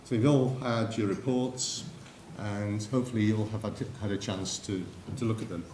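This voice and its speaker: A man's voice: fairly low pitch, moderate pace, a little mellow, a little hiss or hum. English man lecturing in an echoey room. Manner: anecdotal, addresses the audience directly. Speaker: conference speaker. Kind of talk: presentation to an audience.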